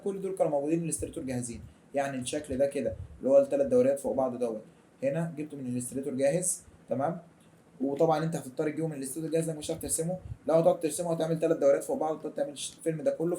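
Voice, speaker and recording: A young man with an Egyptian accent gives a chatty, colloquial software tutorial over a screen recording. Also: mid-range voice. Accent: Egyptian Arabic. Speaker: design tutor.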